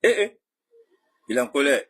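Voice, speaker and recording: A man with a husky, slightly breathy voice holds forth in a long monologue. He mocks and challenges the people he talks about, turning to address them directly. The pitch sits in an ordinary middle range. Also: big pitch swings, moderate pace. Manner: mocking, combative, addresses rivals directly. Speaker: political commentator. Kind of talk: heated monologue commentary.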